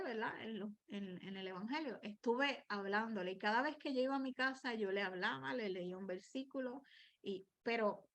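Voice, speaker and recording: A woman preaches in a personal, chatty way, full of little asides to her listeners. Her voice sits a bit high for a woman. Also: a bit bright. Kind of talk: sermon.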